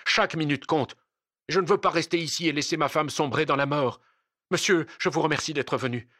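A man's voice: medium pitch, animated, fairly quick, sharp tone, breathy edge, no echo, studio quality. A man reading aloud and voicing an agitated, frantic husband who pleads and insists. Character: agitated frantic Turkish husband, middle-aged.

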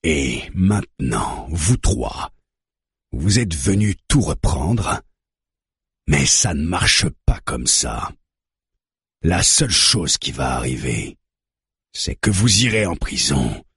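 Man reading a calm cop negotiator, deep, husky, slow, deliberate, storybook. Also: no room sound, studio quality, heavily acted. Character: calm, steady male police negotiator.

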